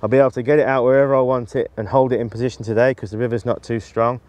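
A man in his forties talks through his tackle in a practical, explanatory way and often restarts his sentences. He is outdoors on a riverbank and recorded close on a lapel mic. His voice sits at an ordinary middle pitch. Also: steady tone, racing, a little mellow, dry recording. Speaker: match angler demonstrating tactics. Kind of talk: instructional talk to camera.

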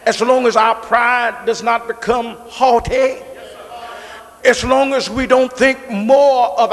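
A man's voice: very high-pitched, a bit bright, in a large hall. A middle-aged man preaching a sermon from the pulpit, stretching and repeating words and calling on the congregation to answer. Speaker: pastor. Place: large church sanctuary, behind a pulpit.

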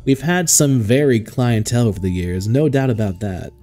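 A man's voice: medium pitch, animated, normal speed, warm tone, faint music behind, close to an everyday voice. A man voicing a flirty southern hostess with a drawl, sweet-talking and calling people sugar. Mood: reassuring. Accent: Southern US (put on).

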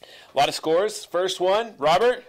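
A man's voice: high-pitched, animated, unhurried. A man hosting a casual sports recap, chatty and jokey, often correcting himself. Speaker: host.

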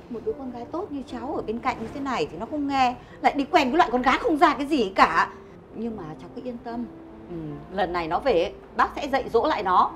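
A woman's voice: a little hiss or hum, lightly acted. An actress playing a scornful, hot-tempered middle-aged mother who scolds and insults. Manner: scolding, insulting, shrill shouting. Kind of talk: web drama acting.

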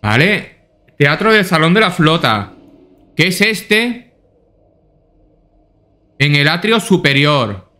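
A man's voice: fairly high pitch, big pitch swings, takes it slowly, pauses often, bright, forceful tone. A man doing casual let's-play commentary, swearing often and thinking aloud to himself. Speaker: gaming YouTuber.

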